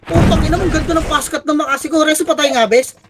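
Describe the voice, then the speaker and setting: A young man leading his squad in an online game, barking rapid repeated callouts and swearing when frustrated. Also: very high-pitched, fairly even intonation, very noisy. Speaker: squad leader calling commands. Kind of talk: shouted game commands to a team.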